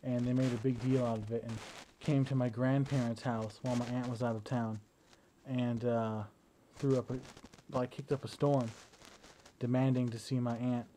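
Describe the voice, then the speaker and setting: Young guy vlogging lying down, mellow low voice, um and uh constantly, faint background hiss. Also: normal speed. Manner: hesitant, many fillers and restarts; relaxed, lying down while talking. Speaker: video diarist. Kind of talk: casual personal video diary. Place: indoors, at home lying down. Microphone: battery-powered camera device.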